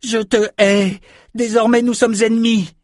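A man reads a furious young female magician, her voice pitched well above his own and thrown loud. She spits accusations, seething with grief. The recording is dry and close. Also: little pitch movement, measured pace, dry recording. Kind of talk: audiobook character voice.

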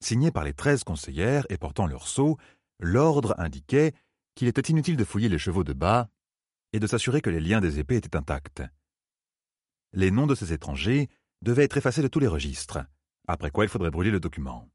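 A man narrating a fantasy audiobook in an expressive storytelling manner. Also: low-pitched, brisk, husky, no echo, clean studio sound.

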